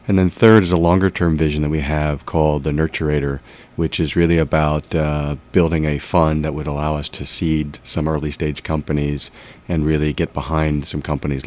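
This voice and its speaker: A man with a deep radio voice, a guest speaking in a measured, deliberate way. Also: darkish tone. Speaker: guest, startup co-founder. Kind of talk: radio interview.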